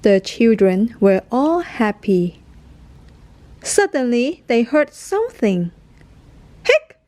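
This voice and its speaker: A woman reading a picture book aloud for young children, expressive and asking her listeners questions. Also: on the high side, takes it slowly, dry recording. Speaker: children's story reader. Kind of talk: slow storybook read-aloud for kids.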